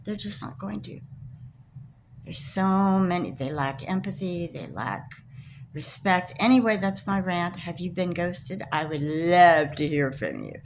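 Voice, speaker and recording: A woman's voice: fairly low pitch, lively intonation, unhurried, a little hiss or hum, rough recording. A woman, older, ranting to camera in an indignant, emphatic way about being let down. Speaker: vlogger. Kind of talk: personal rant to camera.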